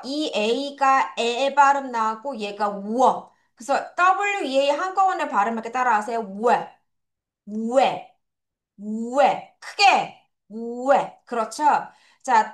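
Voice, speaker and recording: A woman's voice: high-pitched, a bit bright. A young adult woman teaching English to children in a recorded lesson, friendly, drilling pronunciation with repeat-after-me. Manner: friendly, addresses students as friends.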